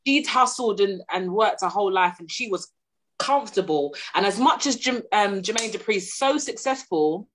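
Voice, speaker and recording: A woman's voice: mid-range voice, animated, moderate pace, slight background noise. A woman, thinking aloud in emphatic, slangy casual chat.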